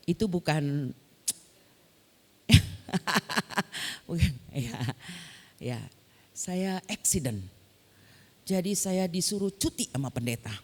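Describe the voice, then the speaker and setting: A woman pastor preaching in a church, telling stories animatedly and acting out the voices of the people she quotes. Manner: animated, acts out quoted voices with big pitch jumps. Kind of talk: sermon storytelling. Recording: long hall reverb.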